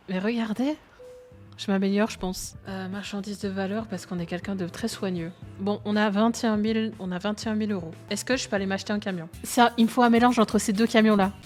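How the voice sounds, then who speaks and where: A woman's voice: mid-range voice, darkish tone. A woman with a Belgian French accent, streaming a truck game live and chatting to her viewers with frequent laughter. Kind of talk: live gameplay commentary to chat.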